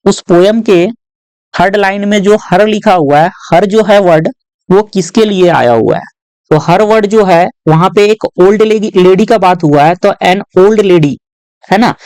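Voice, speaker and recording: A man tutoring students through exam questions in a patient, step-by-step way, often adding short tag questions and reading English lines aloud slowly. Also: sits high, darkish tone, no room sound, rough recording. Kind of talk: exam-prep lesson walkthrough.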